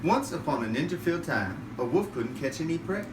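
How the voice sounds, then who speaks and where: Animated man reading aloud, distant and roomy. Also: on the high side, brisk. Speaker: father reading a bedtime story. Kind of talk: animated storybook read-aloud in rhyme. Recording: roomy, distant, noisy home recording.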